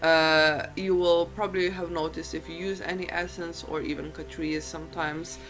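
A woman's voice: low-pitched, flat delivery, normal speed, over music, low-quality recording. A woman chatting casually to camera as a beauty vlogger, in a groggy just-woken-up morning voice and a chatty, self-deprecating way.

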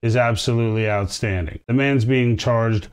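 A man in his forties talks straight to camera from a small home studio, his voice smooth and resonant. He delivers political commentary in an earnest, emphatic way, at a middle pitch for a man. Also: fairly even intonation, moderate pace. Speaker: commentary show host.

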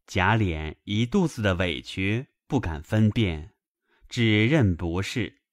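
A man narrating a classic novel aloud in a measured, expressive storytelling manner. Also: lowish voice, dry recording, clean studio sound.

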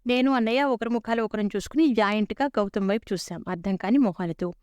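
A woman narrating a humorous story in the first person with wry, expressive delivery. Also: fairly high pitch, fast, clean tone, no echo, lo-fi sound.

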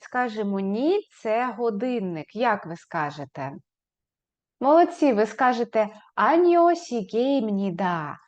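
A woman teaching a beginners' language lesson, modeling phrases slowly and raising her pitch on questions. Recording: slightly dull, lo-fi recording.

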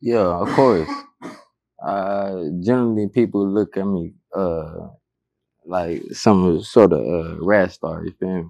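A young man talks low and tersely, with a deep, gravelly fry under his words. He mumbles short, slangy answers while seated indoors. He is recorded close on a lapel mic. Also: steady tone, slow pace, a little mellow. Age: young adult. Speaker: rapper, interview guest. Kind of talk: casual interview.

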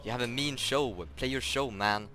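A man's voice: mid-range voice, moderate pace, sharp tone. A male game streamer talking drily at a teammate while he plays, with music behind him. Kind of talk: gaming livestream talk.

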